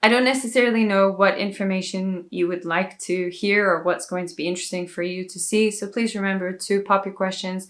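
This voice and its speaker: A South African woman whose accent carries a lilt from years in Dubai talks to camera in a casual vlog, explaining things step by step. Her mid-range voice is steady and fairly bright, and she speaks briskly with hardly any pauses.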